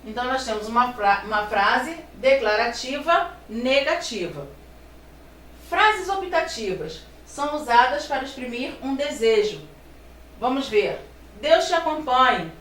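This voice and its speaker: A high-pitched woman leads a grammar lesson, posing rhetorical questions and drawing out her examples. She sounds set back from the mic in a roomy space with a faint hum of ambience. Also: animated, fairly bright tone. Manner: explaining with rhetorical questions, slow stressed examples. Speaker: teacher. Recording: roomy sound from a distance, faint room noise.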